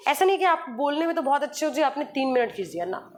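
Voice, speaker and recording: A woman radio jockey with a slightly high voice talks a podcast host through her points step by step, mixing in English phrases. A faint hum of room noise sits behind her. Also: animated, quick pace, a little mellow. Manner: explains patiently with examples, mixes in English phrases. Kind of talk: podcast interview conversation.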